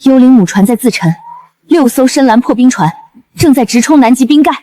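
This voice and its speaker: An actress playing an urgent, quick-witted young woman on an ocean team, calling out enemy sightings like tactical reports in a screen drama. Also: sits high, dark tone, natural voice. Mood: urgent, alert.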